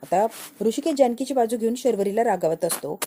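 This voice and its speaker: Fast-talking woman recapping a TV serial. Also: a little high, animated, dark tone, slight background noise. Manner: rapid retelling, voicing each character. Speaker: TV serial reviewer. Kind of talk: episode recap narration.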